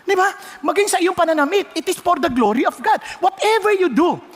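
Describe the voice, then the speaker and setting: A high-pitched Filipino man preaching a sermon with big, lively swings in pitch. He switches freely between Tagalog and English and breaks into sudden loud exclamations, and his voice rings through the long reverb of a church hall. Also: fairly quick. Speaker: pastor.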